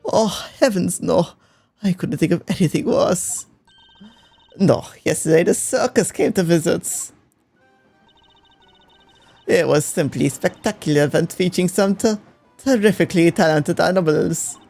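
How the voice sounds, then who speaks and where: Picture a flamboyant, airy older hostess who tosses off foreign phrases as if they were nothing, put on by a man. The voice carries a gravelly edge and a mellow, dark tone. Faint music plays behind her. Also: high voice, measured pace, long pauses, exaggerated voice. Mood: breezy theatrical.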